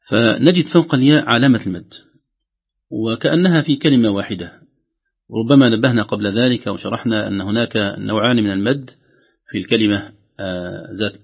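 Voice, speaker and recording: Gravelly, husky man teaching recitation. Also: on the low side, lo-fi sound. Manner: measured, stretches out quoted verses slowly. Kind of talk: explaining recitation rules with spoken examples.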